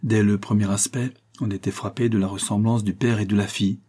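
A man reading a novel aloud in steady scripted narration. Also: lowish voice, a little fast, breathy edge. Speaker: audiobook reader.

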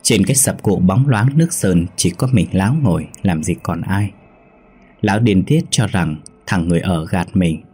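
Man, horror story narration, very deep, dark, husky. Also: moderate pace.

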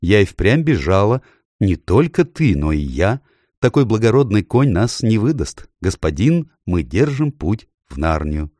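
A man voicing a gentle, timid female talking horse who speaks softly and meekly. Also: lowish voice, sing-song, measured pace, no echo, clean studio sound.

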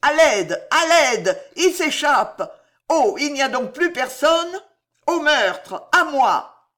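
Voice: mid-range voice, very animated, a little slow, a bit bright. A reader voicing a frantic, raging older male sorcerer who shrieks and curses in desperation.

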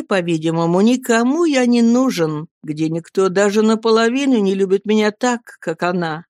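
A woman reads a novel aloud in scripted audiobook narration, measured and expressive. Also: mid-range voice, no room sound, clean studio sound. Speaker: audiobook reader.

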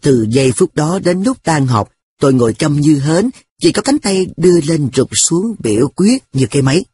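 Man reading a novel, breathy, slightly high, lively. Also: normal speed. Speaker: audiobook narrator.

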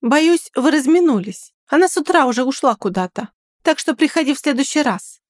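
A woman's voice: a little high, moderate pace, dry recording, clean studio sound, close to an everyday voice. A woman playing a fierce, protective young girlfriend. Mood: flustered. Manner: sharp, threatening, then coaxing.

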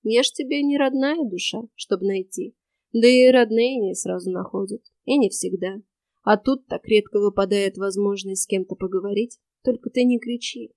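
A woman voicing a weary male stranger spirit in the afterworld, with a quiet, cracked voice and a flat, indifferent manner. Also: mid-range voice, moderate pace, no room sound, lightly acted.

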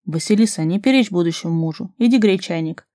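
A woman reading the part of a confident young man in love, speaking softly and calmly. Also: on the low side, quick pace, dry recording, studio quality, natural voice. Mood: tender teasing.

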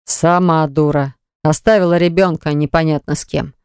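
A woman narrator voicing a stern, domineering young man who speaks in slow, low, clipped commands. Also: fairly even intonation, a little mellow, clean tone, no echo, clean studio sound. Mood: menacing.

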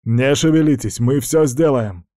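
A man voicing a gruff, loyal male guard commander in an audiobook, barking loud urgent orders. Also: medium pitch, unhurried, no echo, studio quality, pitched above the performer's own voice, close to an everyday voice.

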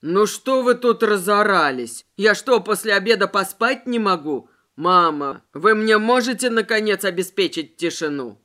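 A sulky, unshaven grown son grumbles his complaints loudly in a storybook reading, as a woman narrator puts him on. The voice dips lower than the reader's own. The tone is bright and forceful. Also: animated, moderate pace, hardly any pauses, natural voice. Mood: grumpy complaining. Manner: grumbling, disgruntled.

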